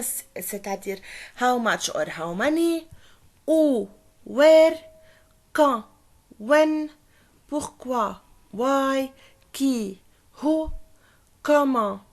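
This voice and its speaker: A female French teacher walks a class through a grammar point, moving back and forth between French and English and repeating the key words. Her voice sits high and her pace is unhurried and deliberate. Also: expressive.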